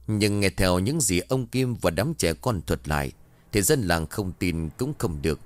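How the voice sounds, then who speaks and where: A man tells a ghost story in a deep, low voice. His delivery is steady and matter-of-fact. The recording is dry and close to the mic. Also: dry recording. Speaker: narrator.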